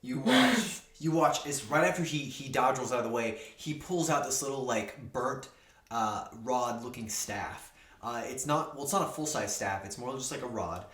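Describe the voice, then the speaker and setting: A man's voice: mid-range voice, expressive, moderate pace, a bit bright, echoey room, a little hiss or hum. A man narrating a tabletop game as game master, rambling and full of fillers.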